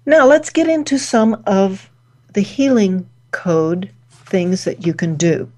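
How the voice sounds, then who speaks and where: Slow, deliberate woman giving a talk. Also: medium pitch, mellow. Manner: slow, deliberate, pausing between phrases. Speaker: host. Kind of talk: spoken wellness talk.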